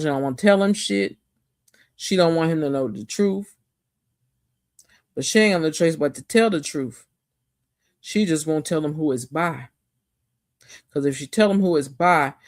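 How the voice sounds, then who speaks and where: A woman giving a casual, animated, slangy recap of a TV episode as a show reviewer. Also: deep voice, dry recording, clean studio sound.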